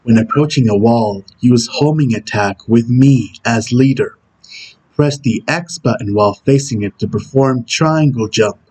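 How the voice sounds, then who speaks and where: A man voicing a stern, brooding video game antihero who gives terse tutorial instructions in a husky voice. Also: mid-range voice, a little slow, darkish tone, low-quality recording. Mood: stern, instructional. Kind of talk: character impression reading game tutorial instructions.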